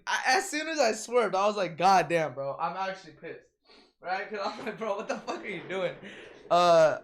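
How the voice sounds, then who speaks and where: Young dude streaming, high pitched, cussing a lot, animated casual storytelling. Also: male voice. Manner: slangy, profane, animated storytelling. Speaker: livestreamer. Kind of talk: casual livestream chat reading viewer comments.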